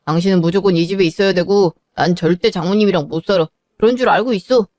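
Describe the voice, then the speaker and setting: A woman's voice: fairly low pitch, quick pace, darkish tone, dry recording, clean studio sound, voice pushed down, close to an everyday voice. A woman voicing a cold, selfish middle-aged husband who talks curtly and dismissively. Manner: curt, dismissive. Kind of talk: narrated drama voice acting.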